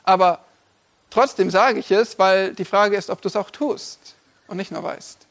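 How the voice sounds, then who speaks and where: A man's voice: high-pitched, unhurried, vocal fry, fairly bright tone. A male pastor preaching a sermon, addressing listeners directly with emphatic, repeated lists.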